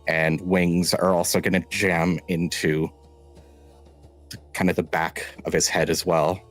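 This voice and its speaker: A man narrating a tabletop game as game master, halting and restarting as he describes scenes. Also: low-pitched, fairly bright tone.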